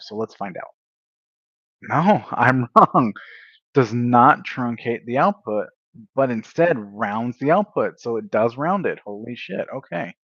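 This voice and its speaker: A man talks through programming exercises at a slow, unhurried pace, thinking aloud and correcting himself as he goes. His voice sits on the low side. The recording is dry and a little dull, like a lo-fi stream mic. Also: dry recording. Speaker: tutor livestreaming a study session. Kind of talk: casual thinking-aloud coding walkthrough.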